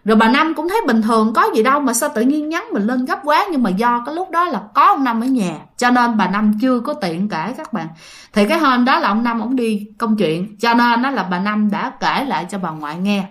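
A woman's voice: on the high side, expressive, brisk, a bit bright. A woman with a Southern Vietnamese accent telling a ghost story casually, talking straight to her listeners. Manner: chatty, addresses listeners directly.

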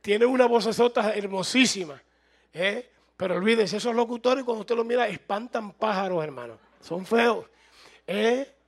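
High, gravelly-voiced preaching man. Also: normal speed. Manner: preaching, rising to loud emphatic bursts, asks the room. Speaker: pastor. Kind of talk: sermon.

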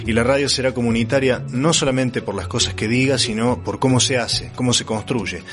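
A man with an Argentine accent from Córdoba, a community radio worker giving a calm, poetic testimony about radio. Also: mid-range voice, a little fast. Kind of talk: reflective spoken testimony. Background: music.

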